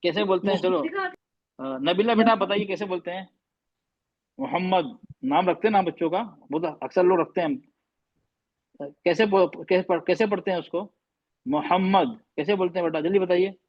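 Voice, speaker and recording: A man teaching pronunciation in an online class, repeating words over and over and gently coaxing students to say them correctly. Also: high-pitched, animated, moderate pace, long pauses, highs cut off.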